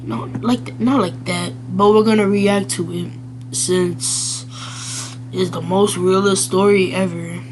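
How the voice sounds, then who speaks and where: A woman's voice: medium pitch, fairly even intonation, unhurried, background noise. A woman hosting a reaction video in casual, blunt and crude commentary, rambling with lots of fillers.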